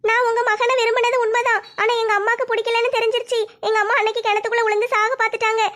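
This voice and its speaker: A woman's voice: little pitch movement, fairly bright tone. A woman playing a tearful, meek village mother in a family skit, pleading and apologizing. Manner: pleading, apologetic, speaks fast and high.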